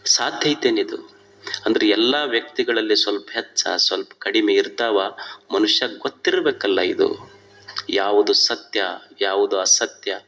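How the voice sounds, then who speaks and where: A man's voice: unhurried, faint music behind. A man with a North Karnataka Kannada accent delivering a sermon as a swami, telling stories and slipping English phrases into his talk. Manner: animated, swings from loud high stresses to low quiet asides. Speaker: swami giving a religious discourse. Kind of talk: sermon with storytelling.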